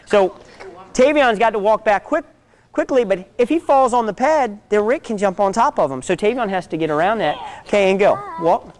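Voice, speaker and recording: A man's voice: high voice, expressive, normal speed. A man teaching a self-defense class, giving direct instructions and often checking in with "okay?".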